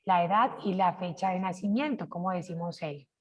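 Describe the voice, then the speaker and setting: Una mujer de Colombia con acento colombiano da una clase de francés en línea, pronuncia despacio los ejemplos y pregunta a menudo si la siguen. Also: female voice, lowish voice. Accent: Colombian Spanish. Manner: slow, careful pronunciation of French examples; checks in with frequent "¿cierto?". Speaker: French teacher. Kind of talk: online class, sharing screen.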